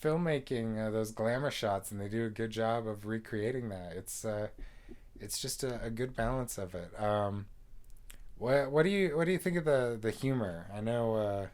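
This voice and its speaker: A man's voice: on the low side, moderate pace, darkish tone. Male co-host, casual review chat, rambling, filler-heavy delivery. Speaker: co-host of a movie review show. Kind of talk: casual conversational film review.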